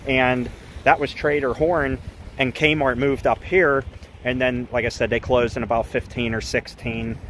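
A man's voice: mid-range voice, a little hiss or hum, rough recording. A man from the Pittsburgh area chatting casually for his vlog, upbeat and rambling as he reminisces. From Pittsburgh area, Pennsylvania. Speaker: vlogger. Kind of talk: casual chat.

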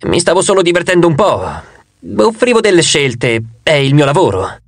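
Man doing a giddy trickster god face, high and bouncy, teasing, dry sound. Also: sing-song, moderate pace, no room sound. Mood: flustered. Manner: gleeful, teasing. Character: two-faced male god, gleeful mocking side.

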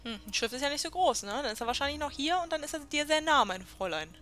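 A woman commentating on her gameplay in a chatty, sarcastic way. Her tone is bright and a little high, and she often reads the on-screen dialogue out loud. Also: expressive, fast talker, faint music behind. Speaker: let's play host.

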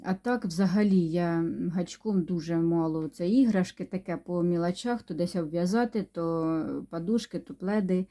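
Woman, low-pitched, mellow, unhurried, chatty, pausing and humming. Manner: unhurried, chatty, with many pauses and hums. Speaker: knitting vlogger. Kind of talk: casual show-and-tell chat.

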